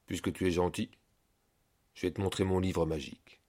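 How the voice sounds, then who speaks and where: A man voicing a big, kind male dog in a spoken storybook, gentle and reassuring. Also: sits low, steady tone, moderate pace.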